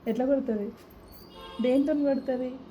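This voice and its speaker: A woman, gently teasing a small child with question after question in a playful home video. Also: sits high, fairly even intonation, normal speed, highs cut off, a little hiss or hum. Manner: coaxing, teasing questions, soft-spoken.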